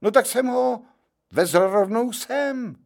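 A man voicing a plain-spoken male chauffeur who protests quickly that he only followed orders, in a read-aloud story. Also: very high-pitched, animated, creaky, pitched above the performer's own voice, full character voice. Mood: defensive.

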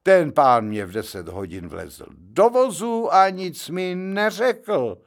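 A plain-spoken chauffeur, as a storyteller puts him on, talking fast and pitched up in protest, with a gravelly grain and lively swings in pitch. A storybook working man caught out. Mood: defensive.

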